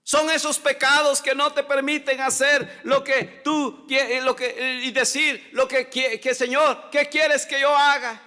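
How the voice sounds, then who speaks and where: Male pastor, very high and bright voice, preaching in a reverberant church, loud then hushed. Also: flat delivery, unhurried, few pauses. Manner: preaching, repeats "hermanos" often, swings between loud and hushed. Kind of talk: sermon. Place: church hall. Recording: long church hall reverb.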